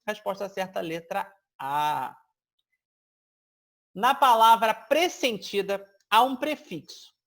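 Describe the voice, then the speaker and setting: A man teaching an exam-prep grammar lesson. He explains step by step, keeps checking in with his listeners, and stretches out example words to demonstrate them. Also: sits high.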